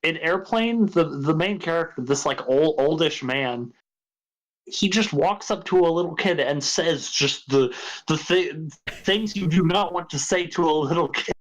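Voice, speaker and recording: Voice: mid-range voice, a little slow, low-quality recording. A co-host of a casual movie podcast, chatty and often laughing while going through notes.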